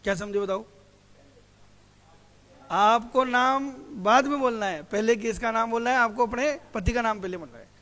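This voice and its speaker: A man's voice: extremely high pitch, moderate pace, long pauses, pushed and bright. A male teacher giving a classroom lecture who keeps asking his students questions, answers them himself, and calls them "beta". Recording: hall reverb.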